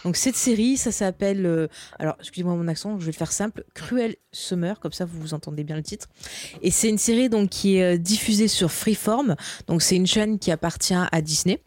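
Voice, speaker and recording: A woman's voice: lowish voice, fairly quick, a little mellow, dry recording. Chatty, enthusiastic woman on a podcast. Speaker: podcast co-host. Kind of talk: casual chat.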